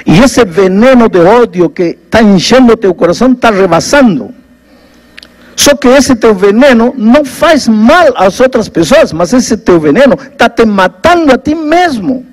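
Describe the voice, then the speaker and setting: A man preaching a sermon as a pastor, telling a story with dramatic shifts between hushed low lines and raised ones. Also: lively intonation, a little slow, rough recording.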